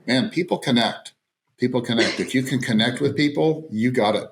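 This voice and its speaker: A man's voice: mid-range voice, moderate pace, background noise. A man hosting a podcast interview, enthusiastic and chatty, often repeating phrases for emphasis. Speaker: podcast host. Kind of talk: casual interview chat.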